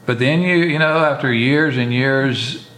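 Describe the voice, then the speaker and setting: A man co-hosting a casual chat, talking in a relaxed, rambling way with many fillers and restarts. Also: medium pitch, a little slow. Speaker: podcast co-host, former missionary. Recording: roomy echo, faint ambience.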